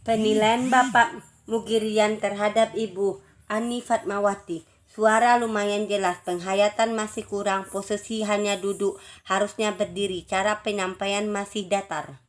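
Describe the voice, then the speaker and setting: A woman announcing a writing contest's results, reading out judges' feedback in measured, list-like phrases with small restarts. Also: medium pitch, fairly even intonation.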